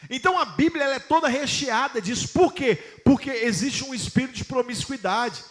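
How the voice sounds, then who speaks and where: A pastor preaching a sermon to his congregation, putting questions to them emphatically and reading scripture slowly. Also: very high-pitched, a bit bright.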